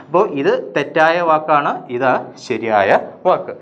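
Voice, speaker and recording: A man from Kerala runs a grammar class for exam candidates. His voice sits a little high. He asks questions, answers them himself, and repeats each example word slowly and clearly. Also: animated, a bit bright, dull audio. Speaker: Malayalam teacher. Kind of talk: exam-prep grammar lesson.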